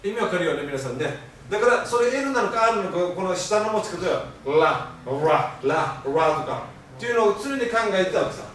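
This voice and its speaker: A man giving an animated, joking lecture on language and pronunciation. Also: high voice, a little fast, few pauses. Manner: animated, jokey, uses Okinawan-flavored sentence endings. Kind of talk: lively public lecture. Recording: echoey hall from far off, faint noise.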